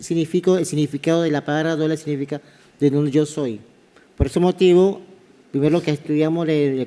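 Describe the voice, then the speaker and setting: An anthropology professor from Panama, whose first language is Kuna (Guna), gives a halting conference presentation in a large hall, often repeating words. His voice is warm and on the high side, with a Kuna accent. The recording is reverberant.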